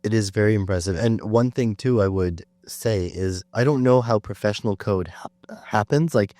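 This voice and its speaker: A man's voice: lowish voice, normal speed, mellow, no room sound. A man hosting a podcast, chatting casually with many fillers and restarts. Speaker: podcast host. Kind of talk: casual conversation.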